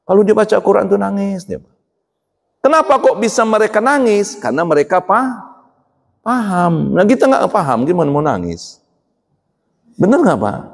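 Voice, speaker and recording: A man's voice: high-pitched, normal speed, creaky, long pauses, husky. A middle-aged man preaching a sermon to a congregation, often asking them questions. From Indonesia. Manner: lively, asks the congregation questions. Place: mosque hall. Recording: long hall reverb.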